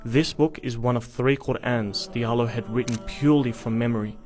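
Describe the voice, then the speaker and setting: A man giving scripted documentary narration in a measured, even storytelling delivery. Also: mid-range voice. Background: background music.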